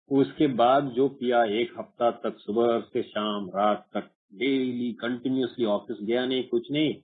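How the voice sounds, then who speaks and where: A man from India sharing his recovery story at an online support meeting, earnest and repetitive, sometimes acting out his own past voice. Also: medium pitch. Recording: muffled phone-like online call audio.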